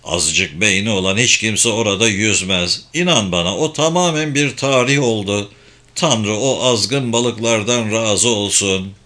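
A man's voice: on the low side, unhurried, sharp tone. A man voicing an older male spy who talks in a dry, laconic way in an audiobook. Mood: wry.

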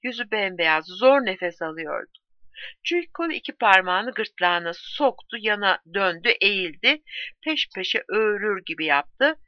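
Woman reading a novel aloud, steady pace, dry muffled recording. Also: mid-range voice, measured pace, no room sound. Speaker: audiobook narrator. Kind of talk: scripted novel narration. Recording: dry, slightly dull audiobook recording.

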